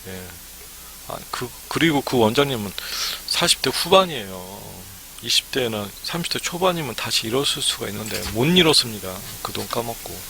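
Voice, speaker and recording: A man lectures over a live stream in a bright, forward voice, talking in a loose, chatty way and dropping "ne" between points. A faint hiss sits under the recording. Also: mid-range voice, expressive, normal speed, vocal fry. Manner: chatty, frequent "ne" fillers. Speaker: academy startup consultant.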